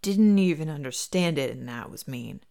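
A woman's voice: sits low, animated, a little slow, vocal fry, dark tone, voice pushed down, full character voice. A woman voicing a laid-back young woman who teases her friends, in a story reading. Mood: mock-hurt.

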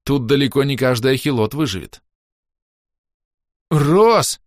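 Guy narrating a fantasy audiobook, really animated voice, dry close mic. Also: fairly low pitch, normal speed, no echo. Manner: expressive, animated reading. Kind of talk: first-person audiobook narration.

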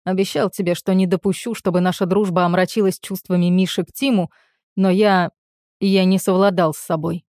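A woman voicing a guilt-ridden young man who murmurs his words in hushed tones, in a storybook reading. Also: on the low side, little pitch movement, a little fast, no room sound, clean studio sound, natural voice. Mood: remorseful.

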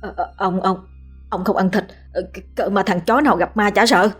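A woman's voice: medium pitch, steady tone, moderate pace, slightly rough, soft background music, natural voice. A woman voicing a panicky young male student who stammers and pleads in fright. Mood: scared.

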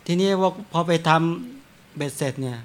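Monk, man, relaxed storytelling sermon, slightly higher voice. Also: moderate pace. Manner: chatty, tells anecdotes with frequent chuckles. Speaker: Buddhist monk. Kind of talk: dharma talk with storytelling.

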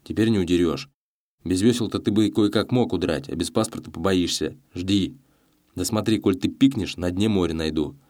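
A man's voice: low-pitched, moderate pace, a little mellow, close to an everyday voice. A man voicing a fierce, whiskered male thief who barks harsh commands and threats in a storybook reading. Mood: urgent commanding.

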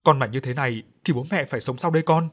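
A man's voice: medium pitch, quick pace, fairly bright tone, lightly acted. A man voicing a grieving middle-aged mother who begs her ghost daughter tearfully. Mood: pleading. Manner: begging, tearful.

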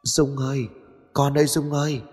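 A man's voice: medium pitch, little pitch movement, moderate pace, a little mellow, breathy edge, big-room sound, soft background music, voice pushed up, lightly acted. A man voicing an evasive young husband in debt, who answers meekly and politely and calls out eerily in a dream. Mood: eerie coaxing.

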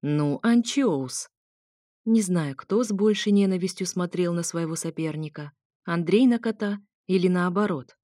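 A woman's voice: fairly low pitch, normal speed, warm tone, no room sound, studio quality. A woman narrating a first-person audiobook with a wry, ironic delivery.

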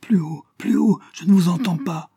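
A man's voice: on the high side, flat delivery, normal speed, mellow, husky, no room sound, studio quality, voice pushed up. A man voicing a frantic young woman pleading over the phone in a read-aloud detective story. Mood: panicked. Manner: pleading, desperate.

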